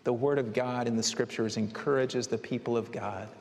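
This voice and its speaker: A man's voice: mid-range voice, fairly even intonation, normal speed, gravelly, darkish tone, slight background noise. A man preaching a sermon as pastor, earnest with rising emphatic exhortations. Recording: long hall reverb.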